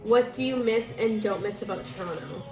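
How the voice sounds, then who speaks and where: A woman's voice: medium pitch, expressive, normal speed. A woman in her twenties, drunk and giggly, chatting with a friend in a blurting, slightly muddled way with casual swearing. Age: 20s. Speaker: vlogger doing a drinking makeup challenge. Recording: echoey room, music behind.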